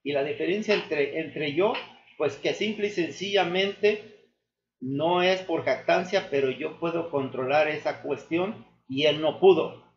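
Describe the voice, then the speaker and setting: A man giving an earnest, sermon-style testimony to his church, addressing the listeners as brothers and often pausing with fillers and restarts. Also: on the high side. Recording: echoey room, dull lo-fi sound.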